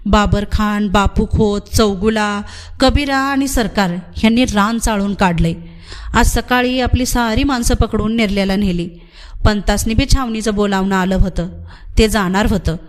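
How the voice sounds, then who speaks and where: A woman's voice: mid-range voice, measured pace, natural voice. A woman reading aloud voices a worried village man bringing grim news, in rustic village speech. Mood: anxious.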